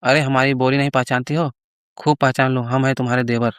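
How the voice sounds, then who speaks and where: A man's voice: medium pitch, little pitch movement, a little fast, smooth, no room sound, studio quality, lightly acted. A man voicing a greedy, boastful priest who brags and coaxes. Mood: pleading. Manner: boastful, coaxing.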